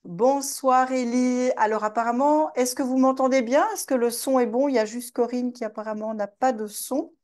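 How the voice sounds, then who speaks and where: A woman from Belgium with a Belgian French accent, hosting a live online master class. She talks in a chatty way, greets attendees by name and fills her pauses with hesitations. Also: on the high side, steady tone, a little mellow. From Belgium, Namur region. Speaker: webinar host and trainer.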